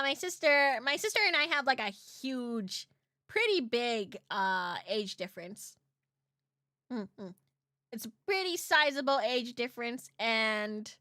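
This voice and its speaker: Cute, bright, high-voiced anime-style woman streamer. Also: no echo, studio quality. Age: 30s. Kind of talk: casual livestream chat.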